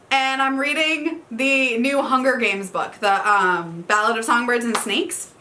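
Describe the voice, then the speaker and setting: Here the vlogger sounds a little high, with a bright, forceful tone. She's doing a casual book tag, chatting away, swearing, laughing a lot and addressing everyone as "y'all."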